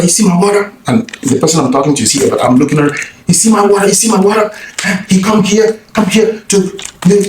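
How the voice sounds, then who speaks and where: A man's voice: medium pitch, creaky, darkish tone, roomy sound, slight background noise, low-quality recording. A man vlogging, telling a story in a blunt, profane way with lots of restarts. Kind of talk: casual storytelling monologue.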